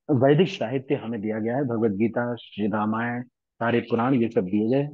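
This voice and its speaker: A man's voice: medium pitch, highs cut off. A man giving a devotional scripture class in a conversational way, often asking his listeners rhetorical questions. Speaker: lecturer on scripture. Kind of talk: devotional Hindi lecture.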